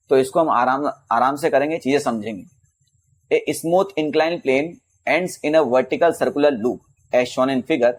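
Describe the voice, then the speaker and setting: In a casual Hindi lesson, a male physics teacher of medium pitch goes through exam problems. He slowly reads out the English questions and calls his students bhaiya and beta.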